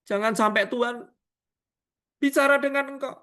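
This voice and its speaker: A man's voice: steady tone, normal speed, clear, resonant tone. A middle-aged male preacher, giving a sermon over a video call, acting out prayers and dialogue and calling listeners "Saudara". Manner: swings widely in pitch and loudness, rising to near shouts and dropping to hushed asides. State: tearful when recalling prayer. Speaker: evangelist preacher.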